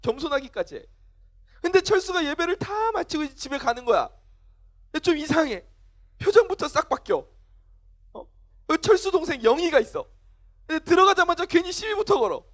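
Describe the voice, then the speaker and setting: A male pastor giving a sermon to children, telling stories in an animated way and acting out little scenes. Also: very high-pitched, a little fast, pauses often.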